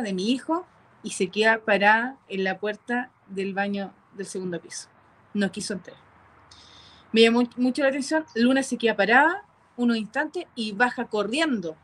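A woman telling a frightening personal experience, halting and repeating herself with nervous laughs. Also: mid-range voice, a bit bright. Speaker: caller telling a paranormal experience. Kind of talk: emotional first-person storytelling.

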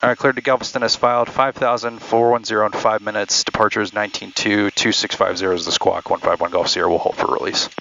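A man's voice: lowish voice, little pitch movement, vocal fry, sharp tone. A young man flying a small jet and talking to his viewers, upbeat, speaking through an aviation headset in the cockpit. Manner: quick, upbeat, talks to viewers. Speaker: pilot and vlog host. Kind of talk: casual vlog narration and radio calls. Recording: dull lo-fi sound with engine noise.

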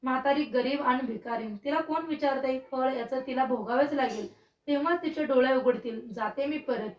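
A woman's voice: sits high, moderate pace, natural voice. A woman voicing a goddess disguised as a poor old woman who scolds bitterly, in a roomy, distant recording. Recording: roomy, distant, dull sound.

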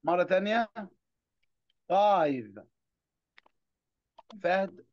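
Egyptian male teacher, high voice, slow patient phonics drills, dull lo-fi audio. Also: animated, no room sound. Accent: Egyptian Arabic. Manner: patient, drills children word by word in Egyptian Arabic and English. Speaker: English teacher. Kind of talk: classroom phonics lesson.

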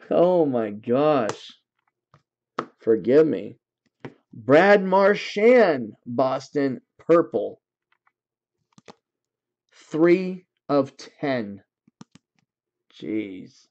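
A man's voice: medium pitch, a little mellow, dull audio. A man hosting a livestream card break, casually reading out card names in lists and talking to his viewers.

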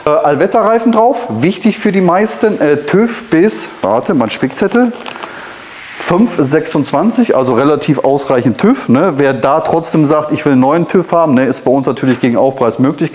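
A man's voice: a little high, darkish tone, a little hiss or hum. A man in his forties with a Ruhr-area German accent, a used car dealer presenting a car in a casual, chatty way, speaking on a lapel mic in a dealership showroom. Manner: chatty, frequent filler tags and asides to viewers.

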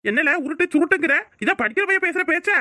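A man's voice: very high-pitched, expressive, fast talker, pushed and bright, dry recording, clean studio sound, full character voice. A man voicing a grumpy, bossy old grandfather in a cartoon, speaking with a Tirunelveli Tamil accent in a whiny, fussy way. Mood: irritable.

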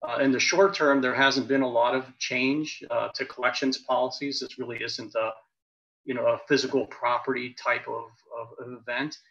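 A man's voice: medium pitch, steady tone, normal speed, fairly bright tone. A man from the insurance side speaking on a panel call, loose and hedging with fillers. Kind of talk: panel discussion. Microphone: video call. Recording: dull video call audio.

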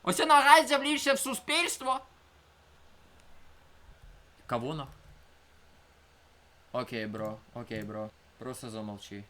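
A young man giving casual let's-play commentary, swinging between mumbled asides and shouted outbursts. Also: mid-range voice, animated, unhurried, pauses often. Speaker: gameplay streamer.

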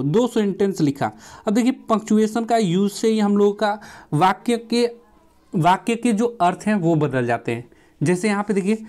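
A man's voice: sits high, a little mellow. Male teacher, board lesson, repeats phrases, self-answered questions, words. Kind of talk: classroom lecture at a board.

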